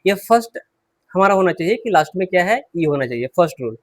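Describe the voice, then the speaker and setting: A man teaching English pronunciation, slowly repeating words and asking and answering his own questions, clearing his throat often. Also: high-pitched, sing-song. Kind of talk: classroom lesson.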